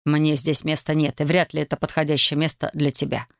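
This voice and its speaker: A narrator voicing a furious, domineering young male soldier in an audiobook, speaking low and slow with hissing menace. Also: little pitch movement, gravelly, fairly bright tone, no room sound, clean studio sound. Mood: menacing. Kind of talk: audiobook reading.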